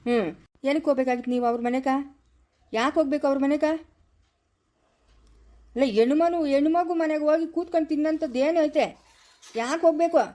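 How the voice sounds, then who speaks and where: A woman's voice: sits high, warm tone, lightly acted. A woman playing a scolding old village father with a Chikkaballapura Kannada accent. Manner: scolding, taunting, rapid rural speech. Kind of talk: village family comedy skit.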